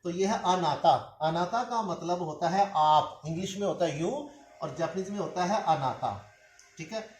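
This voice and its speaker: A male language teacher giving a video lecture, patiently repeating words slowly so learners can drill them. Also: sits high, a little mellow, slight background noise. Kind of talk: classroom-style video lecture. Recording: echoey room.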